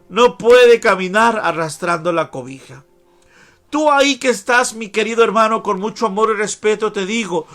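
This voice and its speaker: A male preacher delivers an earnest sermon, calling his listeners brother and sister. His voice sits very high and rings bright and forceful. Faint music plays behind him. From Mexico.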